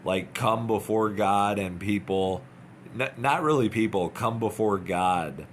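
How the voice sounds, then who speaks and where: Slow, earnest man urging, low voice. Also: a little hiss or hum. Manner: earnest, urging, repetitive, halting. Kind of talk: informal devotional talk, unscripted.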